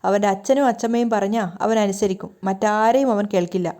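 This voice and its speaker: A woman's voice: medium pitch, fairly quick, warm tone, lightly acted. A woman voicing a boastful, scheming middle-aged mother-in-law who talks with scorn in a storybook retelling. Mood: scornful. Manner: scornful, bragging.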